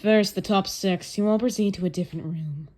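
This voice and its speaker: A woman's voice: medium pitch, fairly quick, warm tone, natural voice. A woman voicing a stern, scheming male football coach who speaks in a cold, blunt, commanding way during a manga reading.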